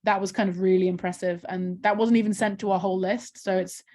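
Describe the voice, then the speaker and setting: A chatty female charity campaigner, on a casual video call, walks viewers through a screen share with frequent "um" and "kind of." She's a fast talker whose mid-range, slightly mellow voice keeps fairly even intonation.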